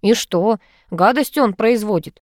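A woman's voice: medium pitch, unhurried, darkish tone, no echo, clean studio sound, pitched above the performer's own voice, close to an everyday voice. A woman voicing a flustered, blunt housekeeper who mumbles and speaks crudely, read as part of an audiobook. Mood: mumbling. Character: flustered, rude middle-aged housekeeper.

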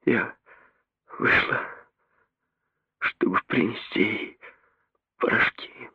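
A man's voice: fairly low pitch, slow pace, breathy edge, no room sound, muffled recording, pitched above the performer's own voice, heavily acted. A man voicing a sobbing, grief-stricken young woman. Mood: broken grief. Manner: broken, pleading voice.

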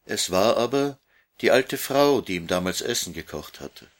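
Low-voiced man reading a storybook. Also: expressive, moderate pace. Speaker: narrator.

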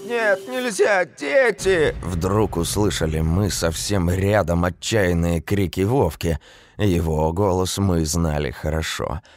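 A man narrating a story in an even, unhurried reading. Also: rumbling low, no room sound. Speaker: audiobook narrator. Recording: dry close recording.

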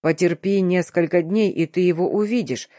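A woman voicing a tired, gentle middle-aged father who is tender but firm with his daughter, in a low, soft, slow voice. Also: no room sound, clean studio sound, natural voice. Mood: weary tender.

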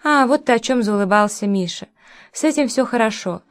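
A woman's voice: fairly high pitch, lively intonation, fairly quick, close to an everyday voice. A chatty, easygoing grown man who talks in a loose, conversational way, as a woman reads him. The lines come from an audiobook reading in the narrator's own voice. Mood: reassuring. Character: easygoing adult man, chatty and a bit defensive.

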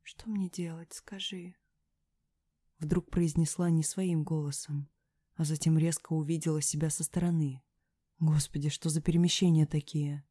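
Low, dark-voiced woman reading a story. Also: flat delivery, moderate pace, no room sound. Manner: emotional, shifts between hushed whispers and anguished cries. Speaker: audiobook narrator. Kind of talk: first-person dramatic audiobook reading.

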